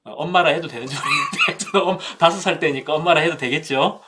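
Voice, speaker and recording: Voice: medium pitch, expressive, fast, noisy background. A speaker at a Bible seminar telling a childhood story in a Bible talk, using vivid sound words and addressing listeners directly.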